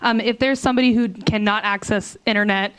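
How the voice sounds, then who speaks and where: A woman's voice: medium pitch, fairly even intonation, brisk, fairly bright tone, clean tone. A woman chairing a council meeting, asking questions in a friendly, appreciative way.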